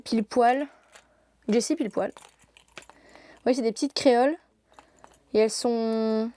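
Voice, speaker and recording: A woman's voice: fairly high pitch, darkish tone. A young woman presenting products in a shop during a live stream, gushing and laughing often.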